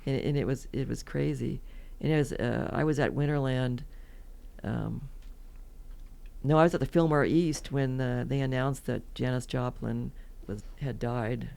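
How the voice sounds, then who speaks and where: A woman's voice: very deep voice, unhurried, gravelly, mellow. A woman in her seventies from California, telling rambling, chatty stories as a podcast guest and laughing often. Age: 70s. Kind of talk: casual interview storytelling.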